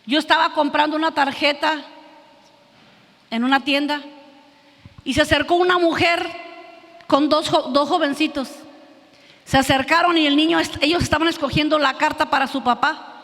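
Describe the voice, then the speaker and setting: High, bright woman preaching. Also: steady tone. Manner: earnest, halting storytelling with many restarts. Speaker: preacher giving testimony. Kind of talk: sermon testimony. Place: church hall. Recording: long hall reverb.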